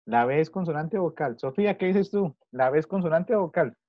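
This man runs an English lesson for kids in Spanish via video call, animated and brisk, repeating his questions with patience. The recording is dry and close, making his everyday mid-pitched voice sound dull and a little muffled.

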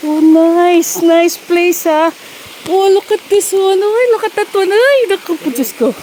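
A woman's voice: very high voice, a little slow, a little mellow, slight background noise. Breathless woman vlogging on a jungle hike. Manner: chatty, exclaiming, mixes English into Tagalog. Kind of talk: casual hiking vlog narration. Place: outdoors on a forest trail by a waterfall.

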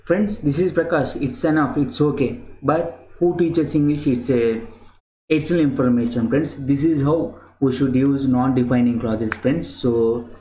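In this slow, repetitive screen-share grammar lesson, a young man teaches English and keeps addressing viewers as "friends," his voice mid-range, steady and dark. The small indoor room gives an echo, and background noise is clear, including keyboard clicks and typing.

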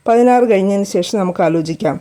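A woman voicing a calm, pragmatic family elder in a storybook reading, speaking in a soothing, reasoning way. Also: high voice, quick pace, smooth, close to an everyday voice.

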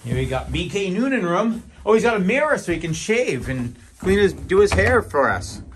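A man's voice: high-pitched, very animated, moderate pace, slight background noise. A man with a New England accent chatting and teasing his friends while filming a ski trip to a cabin. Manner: joking, teasing. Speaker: vlogger. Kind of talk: casual chat. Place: snowy woods and log cabin.

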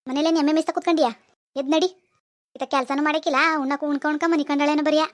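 A woman's voice: sits high, fairly even intonation, very fast, dry recording, close to an everyday voice. A woman voicing a bossy, nagging middle-aged village husband in a cartoon, scolding. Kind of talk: cartoon dialogue.

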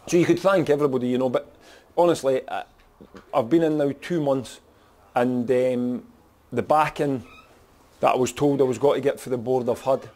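A Scottish man speaks plainly as a football manager in a post-match interview. His voice is dark and mellow, and he talks in a frank, direct way with lots of "you know". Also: medium pitch.

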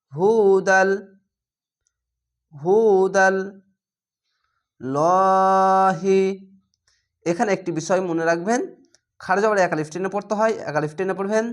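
A man teaching Quran reading, explaining each rule and then chanting the words slowly and drawn out. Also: high voice. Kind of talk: spelled-out recitation lesson.

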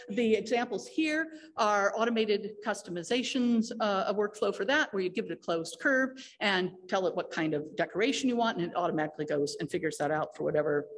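A woman giving a technical conference talk in a lecture hall, explaining with frequent fillers and restarts. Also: medium pitch. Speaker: conference speaker.

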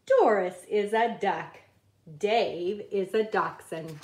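A woman reading a children's picture book aloud at a table, in a slow, careful read-aloud cadence. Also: medium pitch, a little mellow, reverberant. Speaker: reader. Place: indoors at a wooden table.

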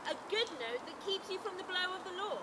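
A woman's voice: very high-pitched, animated, brisk. A woman on an open-air stage playing a sly, teasing servant who comments with wry amusement. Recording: outdoor recording with traffic noise.

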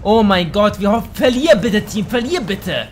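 A young man giving live commentary over his shooter gameplay, excitable and slangy, often swearing in annoyance. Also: high-pitched, measured pace, a little hiss or hum. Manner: slangy, says "Alter" a lot. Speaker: let's play gamer. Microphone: gaming microphone.

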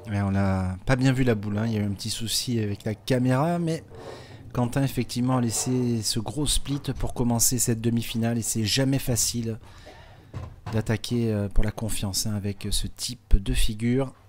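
A man's voice: mid-range voice, fairly even intonation, normal speed, darkish tone. Male sports commentator, conversational, explains every shot; light background noise. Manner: chatty, explanatory, with frequent hein and euh fillers. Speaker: bowling commentator.

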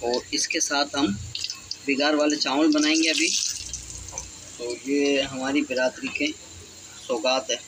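A man's voice: mid-range voice, steady tone, unhurried, pauses often, background noise. A man hosting a home cooking channel, talking through each step of a recipe in a casual, chatty way with frequent filler phrases.

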